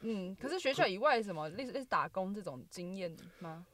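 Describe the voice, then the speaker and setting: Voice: mid-range voice, expressive, brisk, fairly bright tone, dry recording. An interview host with a Taiwanese Mandarin accent, chatting casually, asking questions and giving short acknowledgements.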